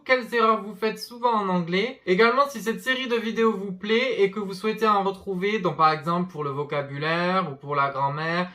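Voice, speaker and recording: Teacher for a small online channel: bright, clear voice, patient step-by-step explanations, English examples spoken slowly. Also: mid-range voice. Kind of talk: online language lesson. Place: own channel, new and small.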